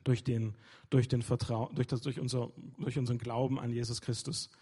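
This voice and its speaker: A man's voice: mid-range voice, level tone, a little fast, mellow, breathy edge. A young man giving an informal sermon, hesitant, with many fillers and restarts. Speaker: preacher.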